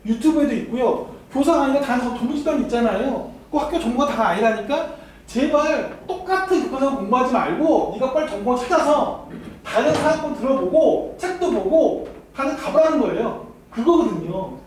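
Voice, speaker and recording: Fairly quick and expressive, a very high-pitched man leads a university admissions seminar as an academy lecturer, joking with the students, laughing often and addressing them head-on. He sounds distant from the mic in a very echoey hall with a faint background hiss.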